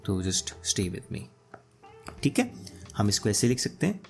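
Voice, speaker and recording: A man's voice: lowish voice, very animated, slow pace, gravelly, faint music behind. A man with a sore throat teaching a casual lecture, explaining step by step and often checking in with his students. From Punjab.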